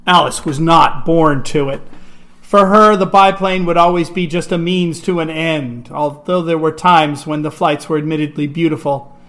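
A man narrating a serialized fiction story in a measured, expressive reading. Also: on the high side.

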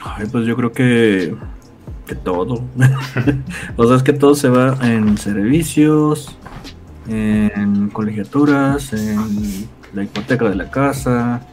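A man's voice: mid-range voice, slow, a little mellow, faint music behind. A man with a Mexican accent chatting casually in a grumbling, slangy way. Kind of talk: casual chat.

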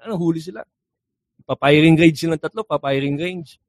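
On a dry recording, a young man with a fairly high voice tells a joke as a casual story at a brisk pace, voicing the characters, adding sound effects, and cracking up at his own punchlines.

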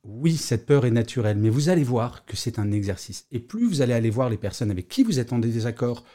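A man's voice: mid-range voice, big pitch swings, brisk, dark tone. A middle-aged man hosting a solo podcast about work life, talking conversationally and explaining with asides. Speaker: podcast host.

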